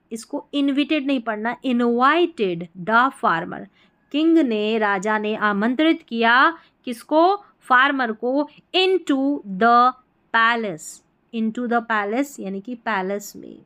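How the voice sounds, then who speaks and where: A woman teaching English reading, saying each phrase slowly and then explaining it in Hindi, her voice fading softly at the ends of sentences. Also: on the high side. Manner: trails off softly at the end of explanations.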